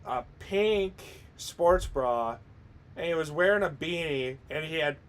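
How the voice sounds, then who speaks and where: A man with a voice a touch above average in pitch co-hosts a casual talk show. He tells stories loosely, swears often and laughs as he goes. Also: lively intonation, unhurried, clean tone. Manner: loose storytelling, heavy cursing, laughs mid-story. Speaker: podcast co-host. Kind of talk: casual chat.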